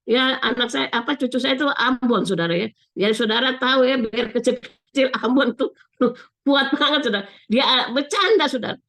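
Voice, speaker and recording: An older woman preaches over a video call, mixing scripture with her own story. Her voice sits a little high, and she talks earnestly, turning to her listeners again and again. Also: normal speed, fairly bright tone. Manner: keeps addressing listeners as brothers and sisters, earnest. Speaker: preacher giving a testimony. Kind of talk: sermon with personal testimony. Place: online video meeting.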